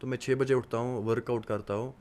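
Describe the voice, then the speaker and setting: Speaking fairly quickly with a medium pitch, fairly even intonation, and a darkish tone, a twenty-something man from Kashmir appears as a podcast guest. His casual interview talk about hard work is earnest and motivational, peppered with hesitant fillers.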